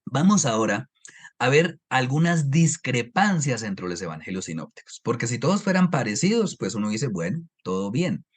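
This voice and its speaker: A man from Colombia with a highland Colombian accent teaches an online course from his slides. He explains each point patiently, often pausing to ask his students rhetorical questions and check that they follow. His voice comes through a computer microphone on a video call. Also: very animated, husky. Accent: Colombian highland Spanish. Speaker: Bible course lecturer.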